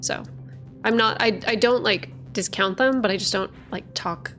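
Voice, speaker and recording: A woman's voice: mid-range voice, moderate pace, a bit bright, soft background music. Rambly tired woman streamer. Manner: rambling, many filler words, self-correcting. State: tired after a long stream. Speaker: streamer and lore channel host. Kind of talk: casual livestream chat answering viewers.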